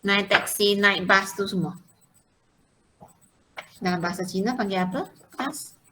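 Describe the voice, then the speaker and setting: A woman leads a classroom pronunciation drill. Her voice is bright and forceful, and she repeats each word slowly and clearly. She switches into English now and then. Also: medium pitch, a little hiss or hum, rough recording. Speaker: Mandarin language teacher.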